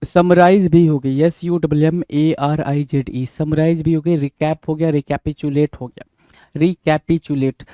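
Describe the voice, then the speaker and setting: In this exam-prep vocabulary lesson, a man speaks a little slowly in a fairly high, steady voice with a mellow, clean tone. He spells out English words letter by letter and prods students with rhetorical questions, repeatedly asking "bhai?" There's no echo, and it sounds like a clean studio.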